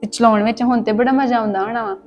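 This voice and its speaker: A woman's voice: on the high side, steady tone, racing, soft background music, close to an everyday voice. A woman acting a caring elder sister in a Punjabi family drama, consoling her younger sister with a Punjabi accent. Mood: chatty. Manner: consoling, scolding gently, homely.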